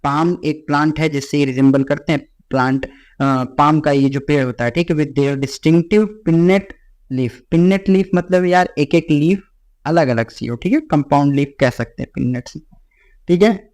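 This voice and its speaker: A young man lecturing on biology in a classroom style, his voice sitting a little high for a man. He reads English lines slowly, then explains them plainly. He keeps checking in with his students. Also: darkish tone. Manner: frequent "theek hai" fillers, addresses students directly. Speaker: biology teacher.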